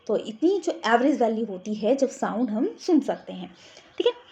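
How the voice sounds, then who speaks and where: A woman's voice: a little high, big pitch swings, normal speed, dark tone, slightly rough. A woman teacher giving an exam-prep physics lesson, explaining step by step and often checking whether students have understood. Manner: explains step by step, keeps asking "samajh aa gaya?" to check.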